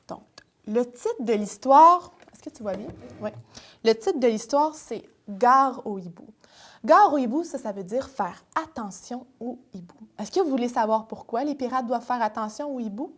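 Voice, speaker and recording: A woman's voice: on the high side, expressive, normal speed. A woman leading an interactive picture-card storytelling session for children, coaxing them with questions.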